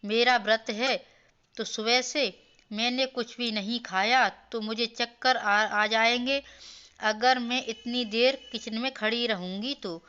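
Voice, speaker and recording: A woman's voice: fairly high pitch, steady tone, slow, bright, forceful tone, smooth, lo-fi sound. A woman voicing a demanding young new daughter-in-law in a cartoon story, with a wheedling way of asking. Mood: pleading. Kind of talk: storybook voice acting.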